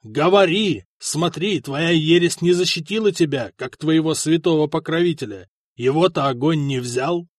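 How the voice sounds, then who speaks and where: A domineering, bearded male prefect with a booming voice that bends everyone to his will, read out by a male narrator. He commands in a raised, ringing tone, clipped and arrogant. The sound is dry and close. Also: normal speed, no room sound, lightly acted. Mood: furious. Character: imperious bearded male prefect, cruel and thunderous.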